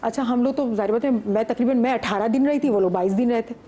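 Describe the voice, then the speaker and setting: A middle-aged woman sits on a TV studio set and tells a spooky personal story with animated, vivid detail. Her voice sits a little high but sounds mellow and soft-edged. A faint hum of noise runs underneath. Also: quick pace. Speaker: guest. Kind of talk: storytelling on a talk show.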